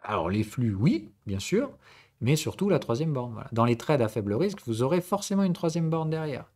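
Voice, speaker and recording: This southern French stream host teaches trading live, fielding chat questions in a chatty tutoring style that blends formal and familiar address and leans on "okay?" and "right?". He's expressive and fast-talking, his mid-range voice a little mellow.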